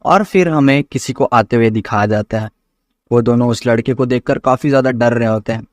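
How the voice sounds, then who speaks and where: A man's voice: medium pitch, a little fast, no room sound, studio quality. A man narrating an anime episode recap, telling the story step by step and reading out the characters' lines with a lifted voice. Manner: plain storytelling, reads out characters' lines with a raised voice.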